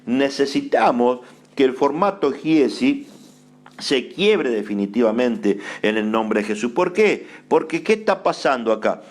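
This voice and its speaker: Argentine preacher firing rhetorical questions. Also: male voice, mid-range voice, very animated, measured pace. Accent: Argentine Spanish. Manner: rhetorical questions answered himself, repeats phrases for emphasis. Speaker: apostle preaching. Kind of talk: sermon.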